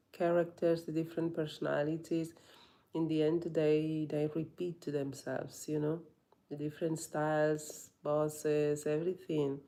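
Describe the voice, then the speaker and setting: In a casual live vlog, a female yoga teacher reflects aloud, pausing and halting as she hunts for the right words. Her voice is deep, dark and gravelly.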